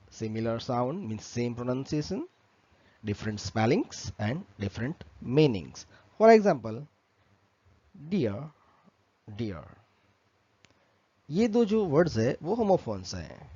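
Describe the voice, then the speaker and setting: A man teaching in a lesson, explaining slowly and drawing out the key words. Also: on the high side, mellow, dry recording, muffled recording. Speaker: English tutor. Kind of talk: spoken language lesson.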